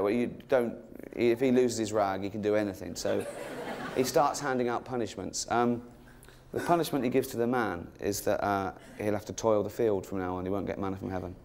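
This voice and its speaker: A man's voice: fairly low pitch, fairly even intonation, moderate pace, slight background noise. A man performing stand-up comedy in a mocking, irreverent, sweary way. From half French, half English.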